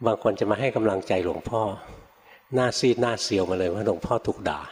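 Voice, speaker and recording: Older male monk, low-pitched, casual storytelling sermon in a reverberant hall. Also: quick pace. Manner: relaxed, conversational teaching with frequent particles and anecdotes. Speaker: Buddhist monk teacher. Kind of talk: Dharma talk.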